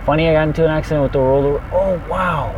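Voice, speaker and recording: A man with a fairly high voice chats energetically on a livestream over background noise. A truck driver by trade, he talks fast and reads out viewer comments as he goes.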